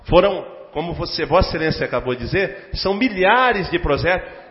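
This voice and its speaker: A man's voice: fairly high pitch, lively intonation, a little fast. A man with a Brazilian Portuguese accent, speaking as a city councilman in a formal debate, earnest and hesitant, full of fillers. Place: council chamber. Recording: dull lo-fi recording with long chamber reverb.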